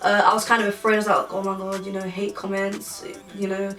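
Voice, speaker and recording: Young woman yapping through a q&a, keeps restarting, roomy echo, soft music behind. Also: medium pitch, monotone, brisk, far from the mic. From England. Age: 20s. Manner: chatty and rambling, frequent restarts. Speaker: YouTuber. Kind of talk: casual Q&A vlog. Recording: echoey room, voice a bit off-mic, music behind.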